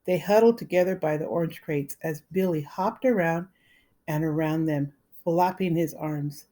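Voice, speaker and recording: A woman reading a children's novel aloud in a slow, deliberate storytelling manner. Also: low-pitched, mellow. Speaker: reader.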